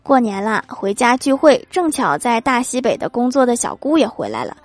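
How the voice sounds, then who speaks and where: A woman with a somewhat high voice hosts a comedy show, reading short jokes and acting out the quotes. She chuckles at her own punchlines. Light music plays quietly behind her. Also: big pitch swings, moderate pace. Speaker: host.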